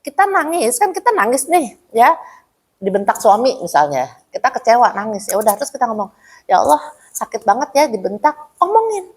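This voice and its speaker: A woman with a somewhat high, husky voice gives a casual, chatty teaching talk. She speaks straight to her listeners, calling them "Bu", and drops into the voices of the people she describes. She is recorded in a prayer room. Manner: chatty, addresses listeners as "Bu", acts out quoted mothers. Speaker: health speaker at a women's study group.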